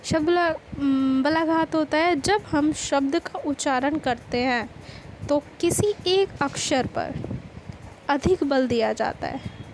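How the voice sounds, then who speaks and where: High-voiced woman teaching a grammar lesson. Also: slow, slight background noise, low-quality recording. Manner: explanatory, repeats questions to students.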